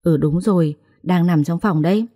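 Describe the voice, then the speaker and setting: A spiteful, sharp-tongued elder sister-in-law in a storybook drama, as a woman narrator puts her on. She sneers in a dark, low voice. The recording is dry. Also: moderate pace, dry recording. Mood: sneering.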